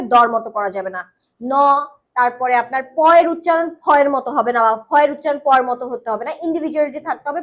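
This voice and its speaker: A middle-aged woman with a Bangladeshi Bengali accent, teaching a news presentation class and correcting a student's pronunciation word by word. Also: high voice. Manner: corrective, drills pronunciation by repeating words. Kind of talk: giving spoken feedback in class.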